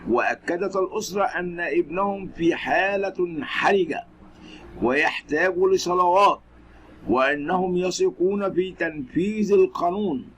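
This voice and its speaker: A man with an Egyptian accent narrating scripted news reports and commentary. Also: high-pitched. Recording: steady background noise.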